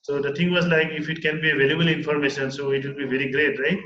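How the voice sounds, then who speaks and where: An instructor talks shop in a casual technical conversation, hesitant and full of fillers and restarts. His voice is on the high side, fairly bright and level, and he speaks fast; the roomy, dull lo-fi recording has a little hiss or hum.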